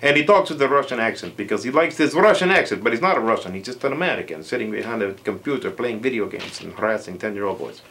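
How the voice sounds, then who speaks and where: Low-voiced rambling man vlogging. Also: expressive, quick pace, gravelly, few pauses, a bit bright. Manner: rambling, filler-heavy, dry jokes. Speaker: vlogger answering viewer questions. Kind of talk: casual chat.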